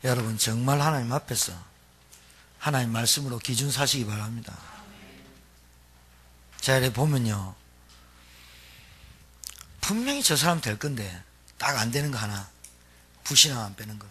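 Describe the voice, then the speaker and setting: A middle-aged man preaching with a husky, breathy edge and a bright, forceful tone. He swings his voice up and down a lot, pressing his points hard and throwing questions out to the congregation. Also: medium pitch, animated, normal speed, long pauses. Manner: emphatic preaching with call-and-response questions to the congregation. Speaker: pastor. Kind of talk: sermon.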